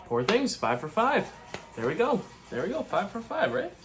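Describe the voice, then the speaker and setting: A man hosting a movie channel, chatting in a low, careful voice so he won't wake the neighbors, as if quiet at night. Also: wildly swooping pitch, normal speed. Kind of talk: live awards reaction chat, quietly at night.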